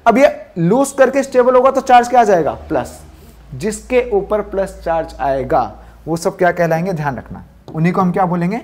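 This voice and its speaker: A male science teacher in a classroom lesson who fires off quiz questions and answers them himself, dropping lower for the answers and repeating key terms drill-style. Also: expressive, brisk, a little mellow.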